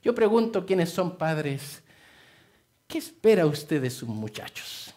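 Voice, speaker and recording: A man preaching a sermon as pastor of a church, swinging between soft, hushed passages and loud, dramatic outbursts. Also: on the high side, big pitch swings, slow.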